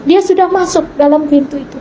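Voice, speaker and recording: A woman giving a personal testimony in an interview, telling her story earnestly and acting out her own dialogue, with halting restarts. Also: sits high, dark tone, slight background noise, rough recording.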